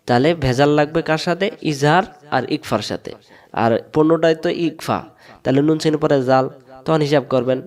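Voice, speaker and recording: A man's voice: medium pitch, darkish tone. A man teaching a step-by-step online Quran recitation lesson in Bangladeshi Bengali, patiently repeating rules and asking and answering his own questions.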